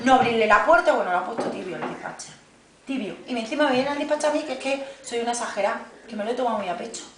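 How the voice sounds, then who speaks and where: Indignant flight attendant, far off. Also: female voice, a little high, expressive, racing, a little hiss or hum. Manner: indignant, swearing, acts out quoted dialogue. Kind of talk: casual chat, telling a story. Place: home, indoors. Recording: echoey room, far from camera, clattering dishes.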